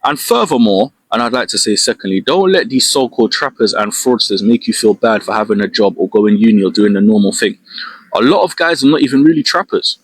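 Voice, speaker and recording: A man's voice: fairly low pitch, lively intonation, brisk, husky, no echo. Young London man lecturing in slang. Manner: street slang, lecturing, emphatic. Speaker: social media creator. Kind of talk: casual advice monologue.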